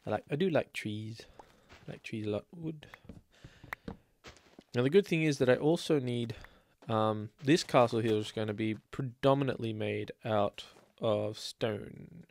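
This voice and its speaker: Slightly sniffly from a cold, this Australian man chats and wanders off-topic as he plays a building game for his let's play. His voice is mid-range and creaky, and he speaks unhurriedly.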